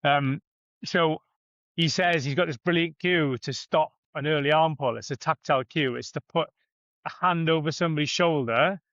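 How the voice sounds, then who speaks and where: A man's voice: on the high side, normal speed, fairly bright tone, no echo. A man telling a story as a podcast guest over a bad call connection that keeps dropping, rambling casually and swearing freely. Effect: bad connection, signal dropping on a call. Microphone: remote call. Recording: dull lo-fi call line, dry.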